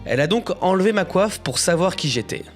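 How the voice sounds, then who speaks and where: A young adventurer, played by a man narrates his own storybook tale. His high voice moves expressively up and down, full of suspense, with clear music behind. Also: expressive, fairly quick. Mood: expressive narrating. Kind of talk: dramatic scripted first-person storybook narration.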